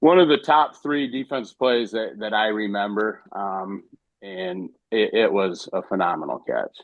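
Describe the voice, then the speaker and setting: A man, a former high school baseball coach, telling stories casually on a podcast and acting out what others said. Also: unhurried, no echo, narrow, tinny audio. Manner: animated, quotes others in his stories.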